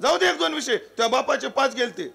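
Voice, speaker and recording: A man's voice: very high voice, lively intonation, a little fast, creaky, pitched above the performer's own voice, full character voice. A man voicing a fond, indulgent rural mother who coaxes her son affectionately, inside a live devotional sermon. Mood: doting. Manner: coaxing, affectionate. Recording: live kirtan with loud music.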